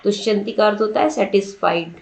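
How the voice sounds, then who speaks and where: Woman, teacher, slow deliberate explaining, mid pitch, roomy echo. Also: creaky. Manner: slow, patient word-by-word explanation with questions to students. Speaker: Sanskrit teacher. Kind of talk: explaining a textbook lesson.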